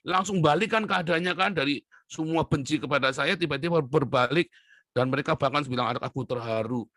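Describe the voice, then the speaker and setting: A man delivering an impassioned monologue to his viewers, swinging between loud outbursts and low muttering. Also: no room sound, studio quality. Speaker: online commentator.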